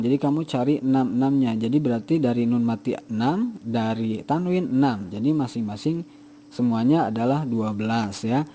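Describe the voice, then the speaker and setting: A male teacher giving a patient tajwid lesson to students, repeating each example slowly. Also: medium pitch, dark tone, slight background noise.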